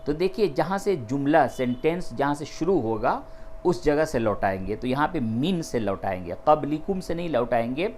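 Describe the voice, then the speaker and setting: A man teaching Quran recitation rules step by step, patiently explaining and repeating key terms between slow, drawn-out recited phrases. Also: medium pitch, expressive, darkish tone, slight background noise. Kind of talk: step-by-step tajweed lesson.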